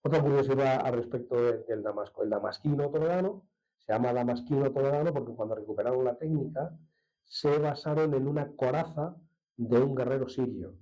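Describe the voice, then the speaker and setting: A man from La Mancha speaks as an interview guest, explaining his craft at an easy pace and pausing to restart his sentences. His voice is mellow and fairly low. The recording sounds dull and lo-fi. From La Mancha, Spain. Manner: unhurried, explanatory, with hesitations and restarts. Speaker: master swordsmith guest. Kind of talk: conversational interview.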